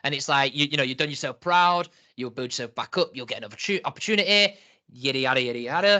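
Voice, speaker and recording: A man's voice: medium pitch, quick pace, bright, forceful tone. A man co-hosting a casual wrestling review chat, talking in a chatty, laughing way. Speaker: podcast co-host.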